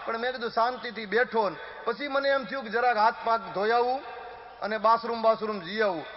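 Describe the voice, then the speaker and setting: A Gujarati stand-up comedian with an extremely high-pitched voice tells folk comedy stories live, acting out the villagers and his wife in quick bursts of dialogue. The hall recording sounds dull with a long echo, and the audience laughs throughout.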